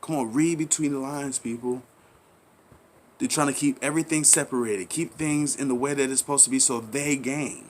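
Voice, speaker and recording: Slight background noise sits behind this commentary channel host's mid-range voice, which moves at a moderate pace. Preachy and rambling, his impassioned monologue circles back on itself, poses rhetorical questions and pushes listeners in casual slang.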